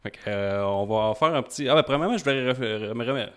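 A man's voice: mid-range voice, fast, clear, resonant tone. A man with a Quebec French accent hosting a podcast in a casual chat over an internet call. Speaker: podcast host.

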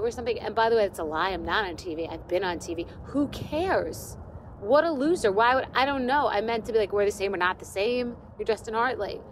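A middle-aged woman hosting a podcast, telling a self-mocking story in a casual, animated rant with quick asides. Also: lowish voice, a little hiss or hum. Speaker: podcast host.

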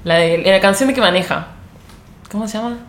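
A woman's voice: medium pitch, brisk, echoey room. A young woman with an Argentine accent chatting casually as a podcast co-host, slangy and emphatic. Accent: Argentine Rioplatense Spanish. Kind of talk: casual chat.

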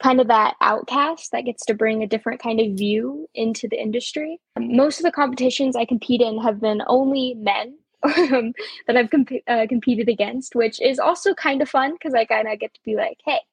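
A teenage girl from Colorado, appearing as an auctioneer guest, chats through a casual interview in an upbeat way, sprinkling her answers with ums and soft laughs. Her slightly high voice has a husky, breathy edge and moves at a normal speed. The recording is dry and close, with no room sound.

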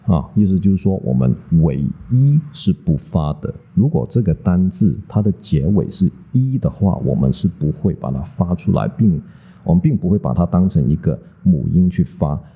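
A man's voice: deep voice, sing-song, normal speed, husky, phone-quality sound. A man teaching English pronunciation in a casual, chatty lesson, tagging "OK" onto nearly every phrase. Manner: chatty, peppers speech with "OK" and "好不好".

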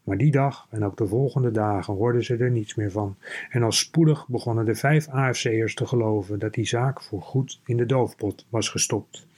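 A man reads a children's novel aloud in a steady, measured way. His voice is husky and a little breathy, and it sits at an ordinary pitch for a man. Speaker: audiobook reader.

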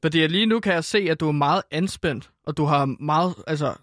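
A man interviewing in a straight-faced comic way, calmly repeating answers and asking probing questions. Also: fairly high pitch, no echo, studio quality.

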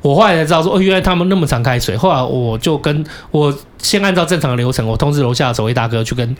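A man with a Taiwanese Mandarin accent telling a story in casual chat, cursing and shouting when he acts out his anger. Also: fairly high pitch, lively intonation, fast. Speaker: podcast co-host.

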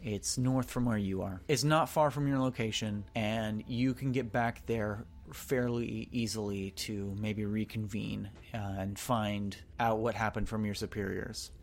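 A man's voice: fairly low pitch, steady tone, unhurried, hardly any pauses. A man narrating as game master in a casual, rambling way, with fillers and restarts. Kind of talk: narrating a tabletop role-playing game.

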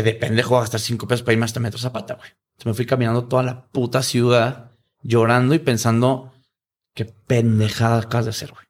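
A middle-aged man with a Mexican accent, a guest in an interview, telling stories in casual, profane slang and acting out the people in them. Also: mid-range voice. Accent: Mexican Spanish. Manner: profane slangy storyteller, acts out voices.

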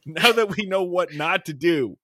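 A man's voice: sits high, expressive, normal speed, bright, forceful tone, no echo, studio quality. A man co-hosting a casual comedy podcast, riffing playfully and jumping into silly bits. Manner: playful, bursts into silly voices. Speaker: podcast co-host.

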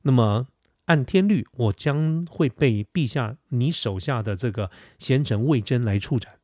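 A man's voice: medium pitch, animated, unhurried, mellow, no echo. A man voicing a proud male dragon king who formally pleads for his life, spoken close to a studio microphone. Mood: pleading.

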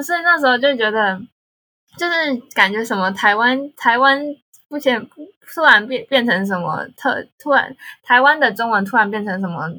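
A young woman with a Taiwanese accent, casually telling stories in conversation in an animated way. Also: fairly high pitch. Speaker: guest, language tutor.

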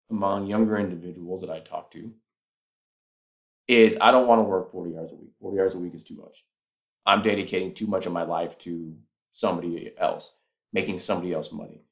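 Low-voiced man persuading on a podcast. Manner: earnest, persuasive, walks through math step by step. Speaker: podcast host. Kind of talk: casual solo podcast talk.

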